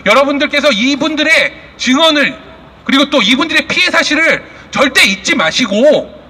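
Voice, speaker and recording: A man's voice: very high-pitched, animated, normal speed. A man giving a fiery, indignant protest speech as the moderator of a rally, accusing and throwing out rhetorical questions. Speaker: rally speaker and press conference moderator. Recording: loud public address with long reverb.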